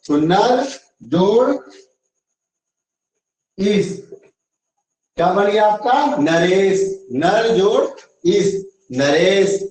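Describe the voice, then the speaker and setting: A man teaching an online grammar lesson, explaining slowly and repeating himself, often checking that students follow. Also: sits high, lively intonation, darkish tone. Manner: slow, repetitive explaining with frequent check-ins. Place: online class. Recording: echoey room, voice from far off.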